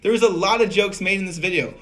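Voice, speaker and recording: A man's voice: sits high, fast talker, fairly bright tone. A man vlogging casually, rebutting in an incredulous way with rhetorical questions. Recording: background music.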